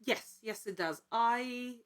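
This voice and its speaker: As a podcast guest, an actor and producer chats in a relaxed interview, rambling at length and frequently interrupting herself. Her voice is fairly high, a bit bright, and slow.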